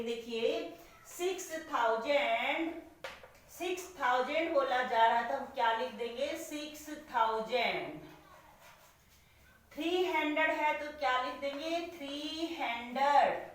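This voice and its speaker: Woman teacher, high voice, patient classroom lesson, very echoey room, mic far off. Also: fairly bright tone. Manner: slow, patient, repeats questions and calls the pupil "beta". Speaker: primary school teacher.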